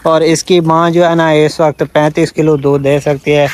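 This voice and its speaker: In an open-air farm yard, a man in his 20s who sells cattle and presents videos talks through a sales vlog on a phone held at arm's length. His voice is a little high with little pitch movement, moving at a moderate pace over slight background noise. He leans heavily on repeated filler phrases.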